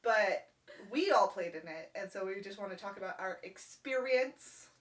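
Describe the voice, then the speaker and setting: A woman's voice: medium pitch, animated, normal speed, a little hiss or hum. A woman co-hosting a podcast in casual chat, with a wry, teasing way of talking. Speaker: podcast co-host. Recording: distant from the mic.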